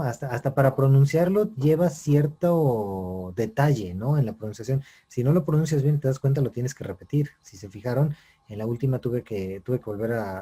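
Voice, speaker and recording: A male teacher leads an online lesson. His voice is very dark and somewhat husky, and he checks in often with his students. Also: mid-range voice. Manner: explanatory, checks in with "¿no?" and "¿sale?". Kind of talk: online class lecture.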